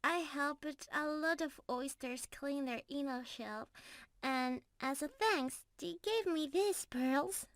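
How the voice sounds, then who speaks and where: Speaking very high and slowly, a woman voices a lovestruck young mermaid who addresses her beloved in an intimate ASMR roleplay, tender, playful and quick to giggle. Her clearly bright, affectionate tone carries a sweet, proud mood. The heavily acted performance is captured dry, with clean studio sound.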